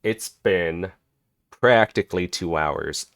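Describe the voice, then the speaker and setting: A man's voice: low voice, slow, fairly bright tone, no room sound. A man giving casual, rambling and jokey reaction commentary over a video game. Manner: rambling, filler-heavy, jokey. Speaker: gaming streamer.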